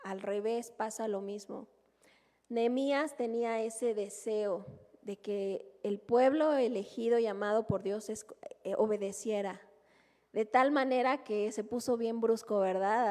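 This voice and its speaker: Mexican lady teaching at church, chatty, keeps asking right?, kinda high voice, big echoey hall. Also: darkish tone. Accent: Mexican Spanish. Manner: conversational, often asks the listeners for agreement. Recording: long hall reverb.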